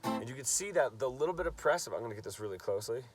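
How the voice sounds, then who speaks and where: Racing along with big swings in pitch, this medium-voiced man is recorded from a distance. Nose blocked by a cold, the guitar coach teaches informally, repeating words loosely while showing what to play.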